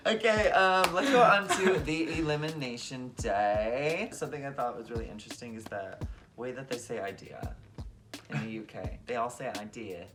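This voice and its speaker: Campy male drag queen co-host, lively and foul-mouthed, music bed underneath. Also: mid-range voice, moderate pace. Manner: campy, animated, swears freely. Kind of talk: casual chat reviewing a TV show.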